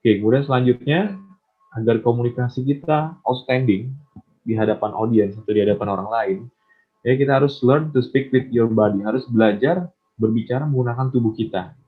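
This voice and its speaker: A man's voice: mid-range voice, a little fast, husky. A man teaching public speaking in an online class, encouraging and asking his students questions. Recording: tinny phone-like line.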